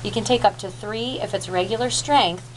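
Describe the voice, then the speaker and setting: A woman's voice: mid-range voice, normal speed. A woman working as a dental assistant, patiently and informally explaining aftercare instructions in detail and checking she is understood. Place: clinic recovery room. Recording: noisy room with background ambience.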